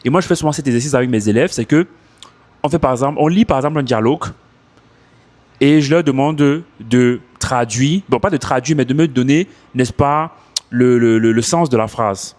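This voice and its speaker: A man's voice: mid-range voice, brisk. A man coaching French speakers on learning English, talking casually into his phone outdoors and repeating his points for emphasis. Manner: animated, repeats himself for emphasis. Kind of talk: casual advice vlog.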